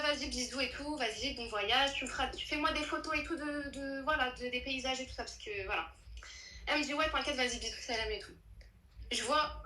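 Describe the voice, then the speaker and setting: A young woman telling a true story in a casual chat, animated and slangy, with many restarts. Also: sits high, roomy sound, a little hiss or hum, low-quality recording.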